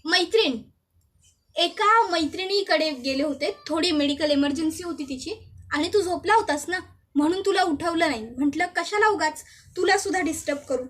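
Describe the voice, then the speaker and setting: A woman's voice: extremely high pitch, normal speed. A woman voicing a betrayed young woman who turns suspicious and vengeful, talking in an accusing, insistent way. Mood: flustered.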